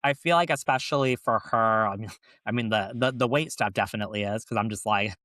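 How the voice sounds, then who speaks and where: Bright-voiced man co-hosting a chatty podcast. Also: lowish voice, fast, no echo. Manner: chatty, with frequent restarts and laughs. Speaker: podcast co-host. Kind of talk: casual chat.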